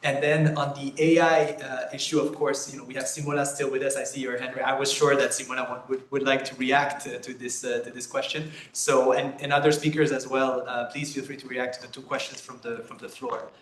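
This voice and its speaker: Man, moderator, halting delivery, echoey room, faint background noise. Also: mid-range voice, level tone. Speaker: panel moderator. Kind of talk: moderating a question session.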